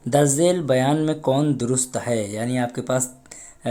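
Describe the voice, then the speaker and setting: A man leads an exam preparation lesson, working through each question and its options. His voice is warm and mellow at an average pitch, and he explains patiently, glossing terms and repeating key phrases. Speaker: exam prep teacher.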